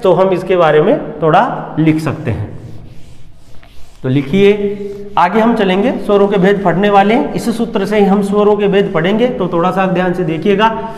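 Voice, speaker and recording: A man's voice: high voice, moderate pace, darkish tone. A man teaching Sanskrit grammar as a classroom lecture, posing questions and answering them himself, sometimes chanting verses in a sing-song tone. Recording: echoey room with long reverb.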